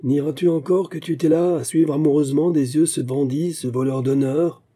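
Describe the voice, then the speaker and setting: A man's voice: on the high side, fairly even intonation, a little fast, slightly rough, voice pushed up. A man voicing a jealous, furious young customs guard who sneers and threatens in a read-aloud story. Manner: sneering, menacing, loud.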